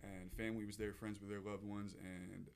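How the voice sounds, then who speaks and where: A man's voice: on the low side, little pitch movement, normal speed, gravelly, clear, resonant tone. A man, telling a personal story as a podcast guest, earnest and emotional, often restarting his sentences.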